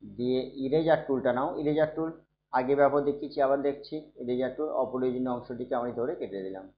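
A man who is unwell, teaching a computer lesson slowly and softly, often asking his students if they follow. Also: mid-range voice. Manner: slow, soft-spoken, checks in often with students. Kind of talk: screen-recorded computer lesson. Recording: dull, echoey room recording.

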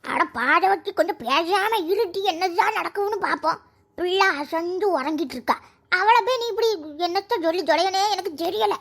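A woman's voice: animated, normal speed, gravelly, a bit bright, heavily acted. A woman voicing a scolding village granny. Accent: Kanyakumari Tamil. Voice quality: high, nagging, scolding. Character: scolding old village grandmother, bossy and blunt. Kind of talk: cartoon voice acting.

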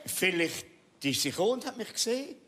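A stubborn, exasperated old man with a Swiss German accent in a stage play. His voice sits high and swings widely in pitch as he argues. It rings in a reverberant theatre. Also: sing-song, fast, sharp tone, a little hiss or hum, full character voice. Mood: frustrated. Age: older. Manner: exasperated, emphatic, switching into Italian. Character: stubborn, restless elderly man with Italian outbursts. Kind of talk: stage comedy-drama acting.

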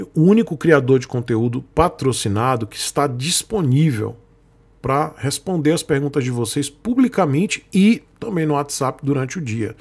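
Here a sponsored Brazilian motorcycle creator talks to his viewers in a mid-range, slightly mellow voice with a breathy edge. He calls them "gente" and speaks casually and at length, with a Brazilian Portuguese accent, often repeating himself and circling back.

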